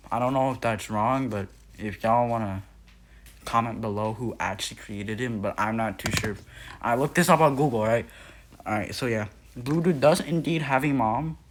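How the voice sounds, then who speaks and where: With slight background noise in the clip, a young man from Nepal talks through lore casually for his YouTube video. His pitch is medium, and his narration wanders with lots of fillers, restarts and self-corrections.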